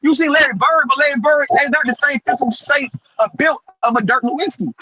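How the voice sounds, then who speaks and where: A man's voice: very high-pitched, quick pace, sharp tone, a little hiss or hum, poor audio. A man co-hosting a podcast, arguing basketball in a heated, slangy way and cutting in often. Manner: emphatic, interrupts, slangy. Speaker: podcast co-host. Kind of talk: heated casual sports debate.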